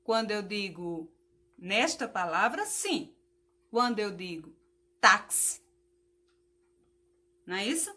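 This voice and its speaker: A woman's voice: mid-range voice, animated, a little slow, fairly bright tone. A woman teacher giving a patient phonics lesson to children, spelling out letters, asking questions and praising the answers.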